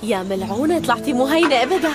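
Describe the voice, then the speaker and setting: High, cheeky young Syrian woman. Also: lively intonation, very fast. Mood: amused. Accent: Syrian Arabic. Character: cheeky, playful young female friend. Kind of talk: dubbed TV drama dialogue. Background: loud music.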